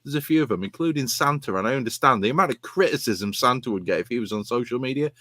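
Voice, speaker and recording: A man's voice: medium pitch, lively intonation, quick pace, a bit bright, no room sound. A man hosting a podcast live, signing off in a boisterous, rambling, sweary way. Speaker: podcast host. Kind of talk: casual chat, sweary sign-off.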